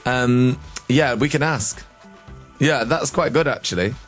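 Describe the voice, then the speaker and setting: A young man hosts a radio breakfast show, joking and chatting casually with his studio team. He speaks unhurriedly with lively swings in pitch, and faint music plays behind him.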